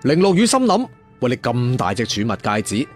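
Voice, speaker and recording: This very animated male narrator, his voice sitting slightly high, tells a fantasy tale from a script in a colloquial, dramatic style. He drops chatty asides and stretches out particles, with background music behind him.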